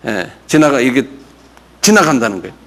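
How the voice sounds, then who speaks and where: A man's voice: mid-range voice, sing-song, normal speed, a bit bright. A man, a pastor, giving a Bible class lecture, quizzing his listeners and having them repeat words after him. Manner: drills pronunciation, quizzes listeners, chuckles. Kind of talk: classroom lecture with audience questions.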